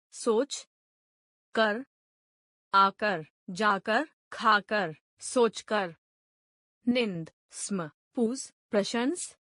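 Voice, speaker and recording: A woman reads out a grammar lesson at an extremely slow pace, giving each word its own pause. Her voice is dry and close, with no room sound around it. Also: mid-range voice, sharp tone, no echo. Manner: reads word lists one item at a time, measured and deliberate. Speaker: grammar teacher.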